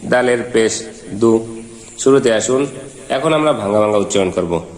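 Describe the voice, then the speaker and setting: A man teaching Quran reading. He spells out letters and vowel marks one at a time, then chants each verse in slow, drawn-out syllables. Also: on the low side, animated, reverberant. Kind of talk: step-by-step recitation lesson.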